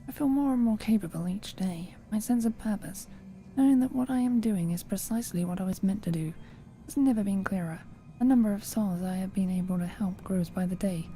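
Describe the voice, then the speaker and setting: A woman voicing a secretive witch who reads her journal in an earnest, self-justifying, measured way. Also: medium pitch, dark tone, soft background music, natural voice. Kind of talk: recorded game voice-over.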